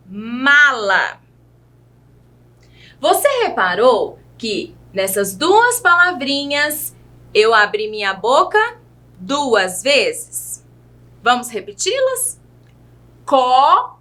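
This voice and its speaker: A woman teacher with a Brazilian Portuguese accent, giving a patient children's video lesson and sounding out words slowly, syllable by syllable. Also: a little high, sing-song, pushed and bright. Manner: slow, careful syllable-by-syllable enunciation; patient, addresses young pupils directly.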